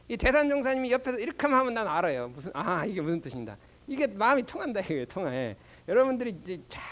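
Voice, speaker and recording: An older man, a Won Buddhist minister, giving a doctrine lecture with animated storytelling and rhetorical questions. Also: high voice. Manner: slow chanting recitation of prayer.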